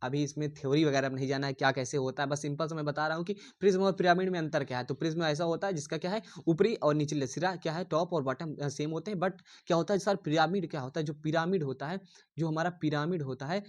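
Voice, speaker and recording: A man's voice: fairly high pitch, fast talker. A man giving a casual online engineering drawing lesson, repeating himself often and calling viewers dear. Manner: repetitive, rambling, addresses viewers as dear.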